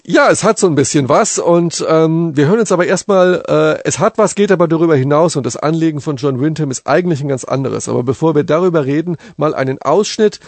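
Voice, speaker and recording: Gravelly man chatting about a book. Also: on the high side, quick pace, hardly any pauses, dry recording. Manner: lively, conversational, with fillers. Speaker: radio host discussing a book. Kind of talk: casual spoken book discussion.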